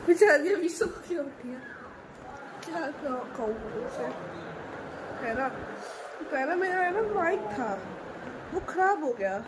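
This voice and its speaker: A hoarse young woman with a sore throat, chatting in a rambling casual vlog and filming on a handheld phone at home. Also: high-pitched, animated, slow, long pauses. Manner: chatty, rambling, fills with "theek hai" and "hai na". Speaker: vlogger. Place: home, preparing a family ceremony. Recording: noisy household background.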